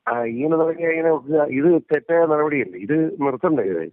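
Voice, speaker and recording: A man's voice: fairly high pitch, lively intonation, fairly quick, no echo. A man speaking emphatically in a casual phone conversation, repeating his points, heard over a phone line. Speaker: interviewee. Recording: tinny dry phone line.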